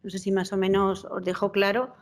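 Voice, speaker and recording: A woman's voice: mid-range voice, little pitch movement, a little fast. A woman with a Spanish accent on a panel, explaining and checking in with listeners. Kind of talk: panel talk answering questions.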